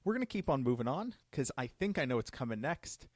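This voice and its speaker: A man's voice: medium pitch, sing-song, quick pace, no echo, clean studio sound. Upbeat man hosting a live stream. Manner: enthusiastic, upbeat card reveals. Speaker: judge program host.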